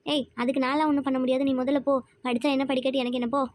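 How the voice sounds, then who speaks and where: A woman playing a spoiled, snobbish rich schoolgirl in a church kids' skit, with sharp, dismissive talk. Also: sits high, flat delivery, racing, a little hiss or hum, natural voice. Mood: scornful.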